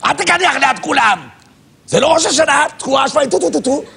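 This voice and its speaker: A middle-aged man preaching a fiery sermon to a crowd, lurching from low mutters to sudden shouted outbursts in a gravelly voice. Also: a little hiss or hum. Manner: shouting, swinging from low mutters to high yells. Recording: echoey hall with loud music over it.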